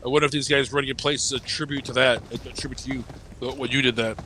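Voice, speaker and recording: This esports caster talks fast in a mid-range voice, calling a live match over constant game sounds. A stuffy nose from illness gives him a nasal tone, and his commentary wanders jokily, packed with fillers and false starts.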